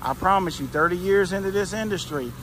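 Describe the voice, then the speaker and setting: A middle-aged man who runs a pressure washing business gives a casual, plainspoken how-to walkthrough at an outdoor job site, folksy and instructive. His voice is high, brisk and fairly bright, on a rough recording with faint outdoor background noise.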